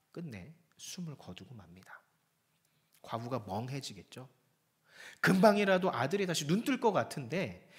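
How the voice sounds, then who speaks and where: A male pastor preaching a sermon, telling the story dramatically and often dropping to a whisper. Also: mid-range voice.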